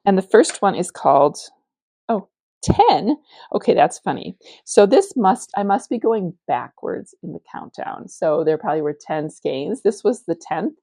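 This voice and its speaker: A woman's voice: lowish voice, sing-song, unhurried, dark tone, no room sound. A woman in her forties chatting casually in a vlog recorded as a phone video, meandering and thinking aloud as she talks. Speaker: knitting vlogger. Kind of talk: casual morning vlog chat. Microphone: phone camera.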